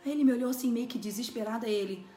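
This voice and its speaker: A woman with a Brazilian accent telling a personal church testimony in a lively way, laughing often. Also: a little high, rapid-fire, echoey room, soft background music. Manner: lively, laughs through her story. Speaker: church speaker sharing a testimony. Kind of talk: casual storytelling talk.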